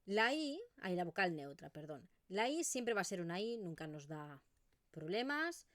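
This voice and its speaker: A woman's voice: fairly low pitch, sing-song, normal speed, fairly bright tone, no echo, studio quality. A woman with an Eastern Catalan accent teaching pronunciation in an online video lesson, modelling vowel sounds as she explains.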